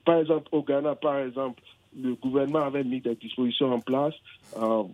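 Calling a radio phone-in over a tinny telephone line, a man from England hesitates, gropes for words, and keeps starting over. He speaks fairly quickly in a steady, mid-range voice.

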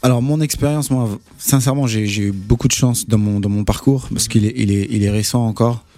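A man actor speaking earnestly in an interview, halting and restarting his sentences. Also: on the low side, steady tone, dark tone. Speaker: actor guest. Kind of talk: casual interview talk.

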